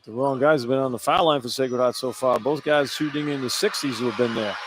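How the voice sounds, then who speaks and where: During a live radio basketball broadcast from an indoor arena, a man offers colloquial, opinionated color analysis. His voice is mid-range and fairly quick, with clear arena noise in the background.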